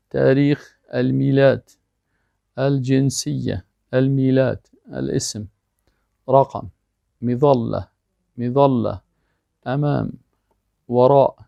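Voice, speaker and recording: A man's voice: mid-range voice, creaky, dark tone, no echo. A man teaching an Arabic lesson. He reads out words one at a time, then explains them in plain everyday speech. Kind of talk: language lesson with pronunciation drills.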